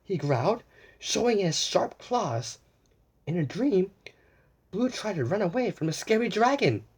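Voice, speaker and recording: With a husky, somewhat mellow mid-range voice and large pitch swings, this reader takes an unhurried pace through a picture book for young children. The wonder is overplayed, words sometimes get stumbled on or repeated, and questions go out to the kids watching.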